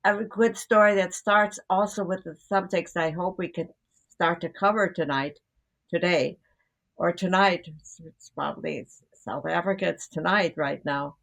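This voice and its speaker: A woman's voice: fairly low pitch, steady tone, unhurried, vocal fry, a bit bright. Rambling older woman co-host. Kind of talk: casual conversation.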